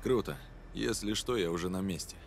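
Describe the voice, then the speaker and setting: Low-voiced, sardonic male mercenary racer. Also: a little fast. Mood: cool, sardonic. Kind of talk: video game dubbing. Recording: clear outdoor and vehicle noise.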